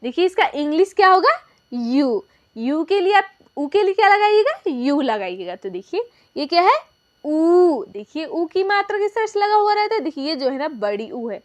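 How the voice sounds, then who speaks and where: A young woman with a high voice teaches a lesson to her viewers. She poses questions and answers them herself, repeating each point so it sticks. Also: sing-song, moderate pace. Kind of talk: classroom lesson.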